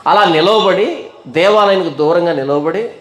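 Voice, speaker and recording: Male pastor, higher voice, sermon with drawn-out emphasis, echoey recording. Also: a bit bright. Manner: rhetorical questions, drawn-out emphasis. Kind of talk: Bible study sermon. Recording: echoey room.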